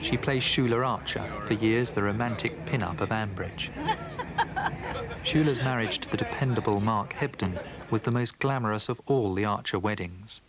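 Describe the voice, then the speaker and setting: A man giving measured, scripted documentary narration. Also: lowish voice, a crowd in the background.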